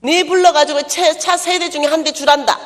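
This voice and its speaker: A woman doing her pushy loud friend. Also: high voice, steady tone, brisk, voice pushed up, lightly acted. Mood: scolding. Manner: loud, insistent scolding.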